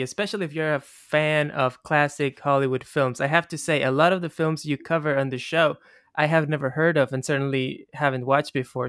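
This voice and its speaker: Smooth-voiced male podcast host. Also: fairly high pitch, a bit bright, no room sound, clean studio sound. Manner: friendly, introduces guests. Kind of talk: casual podcast chat.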